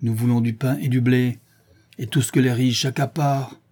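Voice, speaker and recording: A man voicing a brawny village wheelwright who leads a rioting mob, shouting and booming. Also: fairly even intonation, normal speed, husky, lightly acted. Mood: furious. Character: brawny male village wheelwright, rebel leader.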